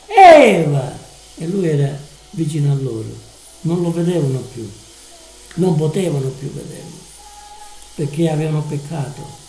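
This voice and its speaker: Slow, gravelly male preacher. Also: a little high, dark tone, reverberant, poor audio. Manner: slow, drawn-out, emphatic preaching. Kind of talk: live sermon.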